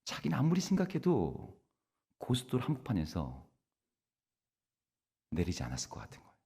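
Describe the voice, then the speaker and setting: A low, slightly husky man preaches from the pulpit, his pitch swinging widely as he tells his story. The church hall around him rings with a long reverb. He acts out each person in his stories as he goes. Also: moderate pace. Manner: animated storytelling, acting out the people in his stories. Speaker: pastor. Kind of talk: sermon. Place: church sanctuary.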